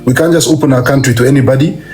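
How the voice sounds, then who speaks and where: A man's voice: medium pitch, rapid-fire, a little mellow. Earnest man speaking as a guest. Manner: earnest, addresses host politely as sir. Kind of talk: earnest opinion on a call-in.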